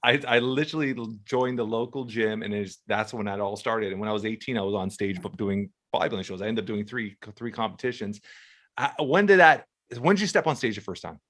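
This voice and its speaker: A man's voice: fairly low pitch, fairly quick, fairly bright tone. A man in his forties hosting an interview podcast, asking eager questions and often repeating words as he starts. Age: 40s. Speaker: podcast host. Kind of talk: casual interview chat.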